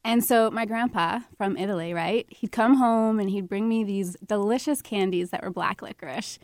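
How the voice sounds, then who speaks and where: A woman's voice: medium pitch, normal speed, darkish tone, no room sound, studio quality. A woman with a New York accent, co-hosting a call-in show as a spice expert, talking enthusiastically and laughing often. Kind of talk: radio talk show.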